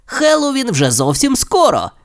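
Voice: sits high, wildly swooping pitch, moderate pace, clear, resonant tone, voice pushed up, full character voice. The narrator of a children's audio tale voicing a cheerful young blocky game hero, who talks in eager exclamations. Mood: excited.

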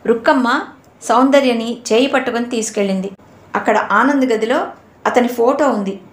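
Brief: female audiobook narrator, measured, slightly high pitch, roomy echo. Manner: steady, measured storytelling. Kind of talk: scripted narration of a novel.

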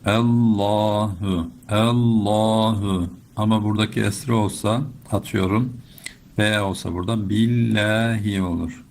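A middle-aged man teaching Quran recitation step by step, explaining patiently and chanting verses slowly. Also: lowish voice, steady tone, vocal fry. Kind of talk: slow step-by-step recitation lesson.

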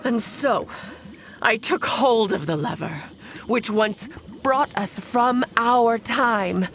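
A woman's voice: fairly high pitch, slow, a bit bright. A woman playing a vengeful undead bride in an audio horror drama, solemn and dramatic, lapsing into whispers. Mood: grim resolve. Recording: noisy background.

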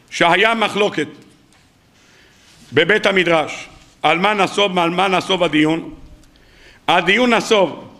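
A man's voice: sits high, sharp tone. A man giving a weekly sermon as a rabbi, telling stories dramatically and acting out the dialogue while addressing his listeners. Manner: dramatic storytelling, acting out quoted dialogue, addressing audience as "rabbotai".

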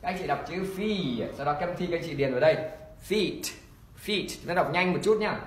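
A man's voice: a little high, a little hiss or hum. Encouraging male pronunciation teacher, echoey room. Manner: encouraging, repetitive, models words slowly. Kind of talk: online pronunciation lesson.

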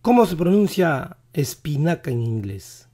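A male teacher running a vocabulary quiz lesson, repeating each English word slowly and carefully, his voice not fully recovered. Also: fairly high pitch, sing-song, dark tone.

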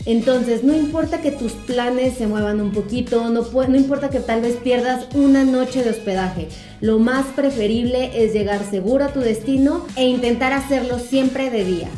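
A woman's voice: fairly high pitch, moderate pace, dark tone, reverberant, soft background music. A young woman vlogger giving upbeat travel tips to camera from her living room couch. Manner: upbeat, announces numbered tips. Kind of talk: casual advice to camera.

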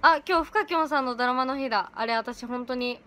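A teenage girl with a chatting casually on a livestream from home, giggly and quick to laugh. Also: high voice, fairly bright tone. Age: late teens. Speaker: idol livestreaming to fans. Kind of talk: casual livestream chat reading comments. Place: at home in pajamas.

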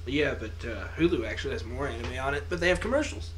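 A man's voice: mid-range voice, animated, quick pace, slight background noise. A young man co-hosting a podcast, joking around and laughing in casual chat, swearing freely. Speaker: podcast co-host.

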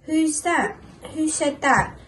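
A woman voicing Zebedee, a startled young male shepherd in a church nativity story, speaking in quick, excited exclamations. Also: high voice, a little hiss or hum, pitched above the performer's own voice.

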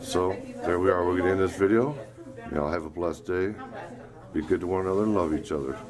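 Deep-voiced middle-aged man vlogging outdoors. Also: a little fast, crowd noise. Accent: Northwest Indiana. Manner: chatty, rambling, speaks to the camera while walking. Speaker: vlog host. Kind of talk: casual walking tour vlog. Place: outdoors and inside a church building. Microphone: handheld camera at arm's length. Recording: noisy outdoor camera audio.

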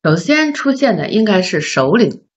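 A woman teaching a beginner English lesson, patiently asking learners questions and sounding out words slowly. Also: medium pitch, big pitch swings, breathy edge. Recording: slightly dull lo-fi recording.

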